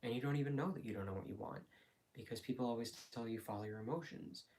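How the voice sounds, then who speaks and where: A man talking casually and quietly on a late-night livestream from home, in a hesitant, rambling, reflective way. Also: mid-range voice, fast. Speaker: live streamer. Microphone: phone.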